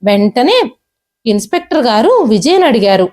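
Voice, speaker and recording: A woman storyteller giving an expressive, scripted narration of a moral story. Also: fairly high pitch, moderate pace.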